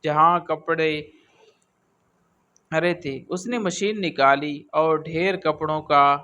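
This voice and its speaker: A man reading a scripted story aloud in a steady, even storytelling manner. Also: fairly high pitch, clean tone, muffled recording.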